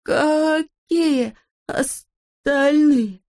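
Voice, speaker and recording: A woman's voice: a little high, very animated, unhurried, mellow, voice pushed up. A woman voicing a plump, timid male shorty in a storybook reading, drawn out and stammering. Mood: frightened. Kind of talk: storybook character voice.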